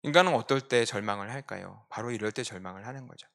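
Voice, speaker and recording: A male pastor delivering a Sunday sermon in church. He swings between quiet, reflective asides and sudden emphatic outbursts. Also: lowish voice, quick pace, creaky.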